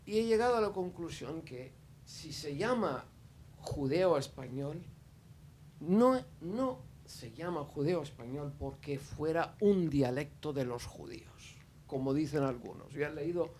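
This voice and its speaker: A man with a voice on the high side and a darkish tone talks a little slowly but expressively while commenting from the audience at a panel discussion. His off-the-cuff remarks are hesitant, with frequent fillers and restarts, over slight background noise.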